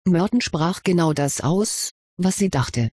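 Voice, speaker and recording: A narrator reading fan fiction aloud as an audiobook, telling the story in a steady, even way. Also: mid-range voice, unhurried, husky.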